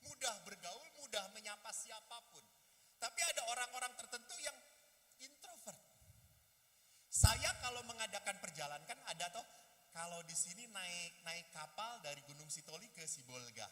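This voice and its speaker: A man, a priest, giving a lively talk to young people and acting out the voices of people in his stories. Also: sits high, moderate pace, big-room sound. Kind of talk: lively youth talk with acted dialogue. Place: hall at a youth gathering.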